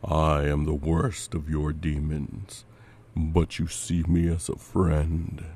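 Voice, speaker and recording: A man voicing a sinister, patient male demon in a dramatic scripted monologue, speaking with cold courtesy and slow menace. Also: a bass voice, level tone, a little mellow, breathy edge, heavily acted. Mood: quietly menacing.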